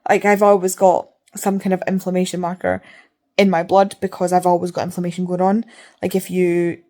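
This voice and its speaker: A woman's voice: fairly low pitch, level tone, brisk, warm tone. A woman vlogger chatting casually, talking with her mouth barely open and rambling, repeating herself for emphasis. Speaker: reading vlogger. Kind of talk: casual chat to camera.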